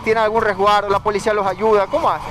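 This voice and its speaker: A man interviewing people on a city street, asking quick questions and repeating words. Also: high-pitched, little pitch movement, very noisy. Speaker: street reporter. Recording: music under street interview.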